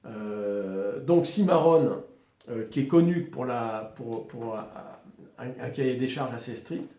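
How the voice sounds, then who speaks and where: A man with a French accent presenting a collector's revolver in a casual, halting way, with many fillers and restarts. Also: medium pitch, lively intonation, dark tone, reverberant.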